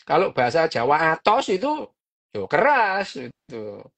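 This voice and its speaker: A woman's voice: sits low, sing-song, unhurried, fairly bright tone. A woman, hosting a podcast and explaining a book in a casual, chatty way, full of fillers and little jokes.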